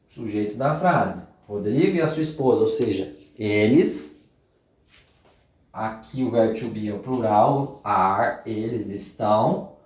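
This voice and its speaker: Brazilian teacher reviewing in an echoey room. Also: male voice, mid-range voice, a little mellow. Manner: explains step by step, checks in often with short tags. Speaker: English teacher. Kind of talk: exam review lesson.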